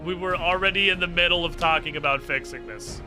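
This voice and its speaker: With game music playing behind him, a male game streamer offers sarcastic, profane, mock-dramatic commentary on his play. His voice is fairly high-pitched and his pace brisk.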